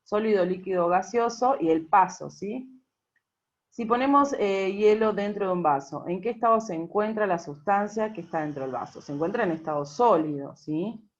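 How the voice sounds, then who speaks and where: A woman's voice: mid-range voice, normal speed. A woman teacher explains a worksheet patiently, checking in often with the class. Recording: dull lo-fi recording.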